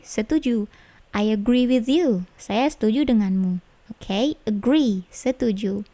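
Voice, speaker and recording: A woman with an Indonesian accent teaches English words, repeating each one slowly and with care. Her voice sits a little high, and she corrects pronunciation patiently. The recording is dry and close to the mic. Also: darkish tone, no room sound. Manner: slow, drills each word twice, stresses pronunciation. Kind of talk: English vocabulary lesson in Indonesian.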